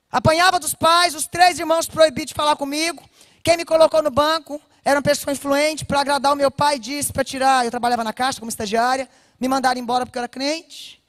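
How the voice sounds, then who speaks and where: High-voiced Brazilian woman pastor testifying. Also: no echo, studio quality. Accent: Brazilian Portuguese. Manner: animated storytelling, addresses listeners directly. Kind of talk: personal testimony told to a congregation.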